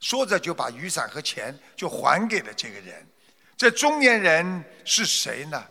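A man telling a moral folk tale and then lecturing on its lesson, in an expressive, dramatic way. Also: a little high, moderate pace, vocal fry, in a large hall. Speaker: storyteller. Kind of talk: moral storytelling with commentary.

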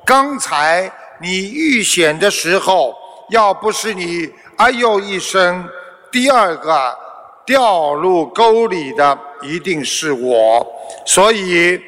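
A man's voice: sits high, lively intonation, takes it slowly, a bit bright, big-room sound, heavily acted. A man voicing a grateful man within a sermon parable, in a plain explaining tone.

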